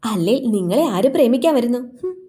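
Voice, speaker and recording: A woman voicing a devoted young heroine in a storybook romance, speaking softly and with feeling. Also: fairly high pitch, sing-song, fairly quick. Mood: teasing.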